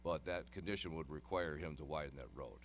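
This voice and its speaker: A man's voice: rumbling low, fairly quick, a little hiss or hum. A man on city planning staff explaining land rules at a public meeting in a matter-of-fact, procedural way. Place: council meeting room.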